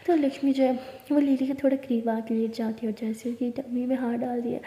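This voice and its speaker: A woman storyteller narrates in whispered role-play, intimate and breathy. Her voice is high, dark in tone and gravelly. The sound carries a long, roomy reverb. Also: level tone, a little fast.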